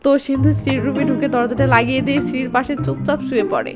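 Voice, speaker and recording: A woman narrating a movie recap in a lively storytelling way, reading every character's dialogue in her own voice. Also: high-pitched, racing, loud music behind the voice.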